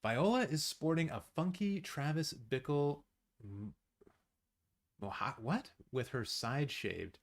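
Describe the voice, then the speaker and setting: A man's voice: a little high, slow pace. Chatty man hosting a live watch-along. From Canada. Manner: chatty, excitable, rambling with fillers and restarts. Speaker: live-stream host. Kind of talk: casual live watch-along chat, reading viewer comments. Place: his apartment in daylight.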